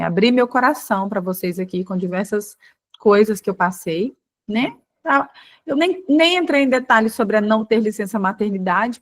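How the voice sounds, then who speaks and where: A Brazilian woman hosting an online class, talking emphatically and stretching out the words she stresses. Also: medium pitch. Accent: Brazilian Portuguese. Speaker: class host and teacher.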